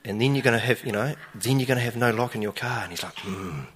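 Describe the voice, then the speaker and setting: Brief: Kiwi man, mid-pitched, spinning a casual yarn with plenty of ums. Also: quick pace, fairly bright tone, slight background noise. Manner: hesitant, frequent "um", acts out quotes. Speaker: storyteller. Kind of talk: spoken personal anecdote.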